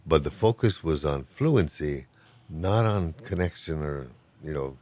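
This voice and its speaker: In a bass voice that is expressive and a little mellow, an older Hawaiian language professor speaks slightly slowly during a casual interview. He wanders between topics with good humor and is ready to poke fun at himself.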